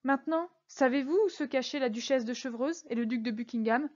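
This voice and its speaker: A cunning old cardinal, icy and in full command, read by a woman, speaks slowly, low and soft, with quiet menace in every word. The recording sounds muffled and lo-fi. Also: close to an everyday voice. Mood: scheming.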